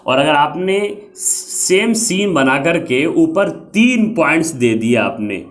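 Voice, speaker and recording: Young male teacher, slightly high voice, slow and repetitive, drilling letter sounds for beginners. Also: big pitch swings. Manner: explains slowly, repeats letter sounds. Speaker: Arabic teacher. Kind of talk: patient alphabet lesson.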